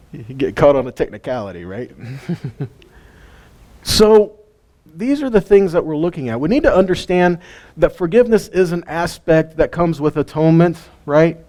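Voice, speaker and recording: Unhurried and marked by long pauses, this man's mellow, fairly high voice is expressive. He leads a weekly Torah study, teaching the Bible informally to a live group, asking them questions and chuckling between points.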